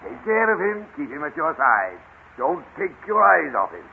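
A man playing a brisk, commanding businessman in a 1940s radio drama. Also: fairly high pitch, sing-song, vocal fry, a little hiss or hum. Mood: bossy. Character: bossy businessman giving orders. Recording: tinny old radio broadcast.

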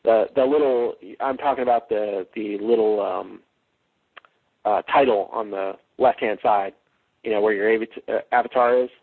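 Husky man podcasting on a dull cheap mic. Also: on the low side, fairly even intonation. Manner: rambling, halting, thinking aloud. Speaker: podcast host. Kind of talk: casual unscripted podcast discussion.

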